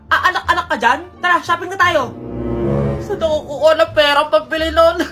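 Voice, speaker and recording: A woman's voice: very high voice, fairly even intonation, fairly quick, over music. A woman performing comedy skits, switching between mother and child roles in Taglish banter.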